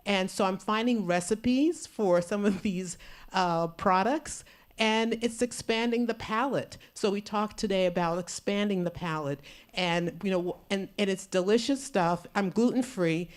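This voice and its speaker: Female audience member, meandering and conversational, mid pitch. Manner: meandering, chatty, laughs lightly. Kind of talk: audience comment at a conference. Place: conference hall.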